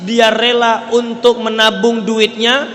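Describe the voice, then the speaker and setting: A man's voice: very high-pitched, monotone, slow pace, a bit bright. A man with a Riau Malay-tinged Indonesian accent preaching a sermon to a congregation, asking them rhetorical questions as he goes. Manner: rhetorical, checks in with the audience often. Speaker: Islamic preacher. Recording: long reverb of a large hall.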